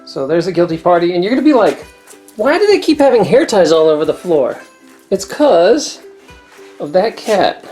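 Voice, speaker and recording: A woman with a notably deep voice talks casually while she cooks in her home kitchen. She rambles from one story to the next in an easy, chatty way. Faint music plays in the background. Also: sing-song, moderate pace, warm tone. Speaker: cooking channel host. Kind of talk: casual chat while cooking.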